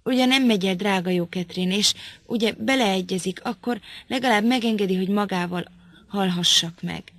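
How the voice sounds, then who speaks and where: A woman's voice: mid-range voice, a bit bright, no room sound. A woman reading an audiobook, voicing a sickly, fearful young man who pleads and whimpers. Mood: sobbing, fearful.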